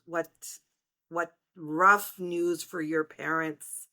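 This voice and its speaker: A middle-aged woman hosting a podcast interview, speaking in a measured, reflective way. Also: low voice, steady tone, sharp tone. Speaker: podcast host.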